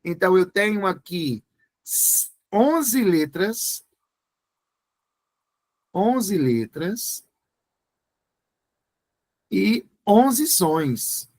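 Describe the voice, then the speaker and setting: Slow, deliberate male grammar teacher. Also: sits high, big pitch swings. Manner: slow, deliberate, spelling words out letter by letter. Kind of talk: exam-prep grammar lesson.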